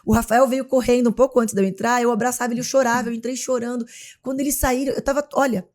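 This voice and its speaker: A woman's voice: fairly high pitch, fast talker. A Brazilian woman, a mother of three and a guest on an interview show, talking casually and acting out scenes as she tells stories. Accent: Brazilian Portuguese. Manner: animated storyteller, acts out scenes.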